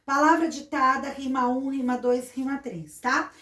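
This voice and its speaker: Brazilian woman teacher, kinda high voice, patient step by step explaining, roomy echo. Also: fairly even intonation, moderate pace, pushed and bright. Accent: Brazilian Portuguese. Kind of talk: recorded classroom lesson. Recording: echoey room.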